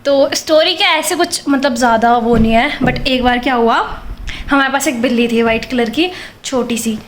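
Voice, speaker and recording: A woman's voice: a little high, moderate pace. A young woman chatting casually in a home vlog, telling childhood stories and often breaking into giggles. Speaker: vlogger. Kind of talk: casual vlog chat and storytelling. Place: home, kitchen. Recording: echoey room with faint background noise.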